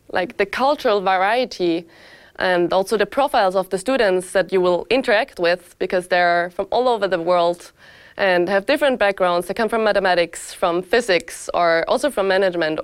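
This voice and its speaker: A 25-year-old woman from Austria, giving an earnest student testimonial and pausing to rephrase. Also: mid-range voice, clear, resonant tone, no echo. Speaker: master's student.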